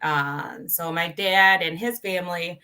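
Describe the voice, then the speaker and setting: A woman in her thirties, raised in Colombia, speaks as a podcast guest. Her voice sits a bit low yet rings bright and forward. She talks earnestly and gently, pausing on ums as she gathers her thoughts. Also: steady tone. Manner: soft-spoken, earnest, many ums. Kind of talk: casual interview.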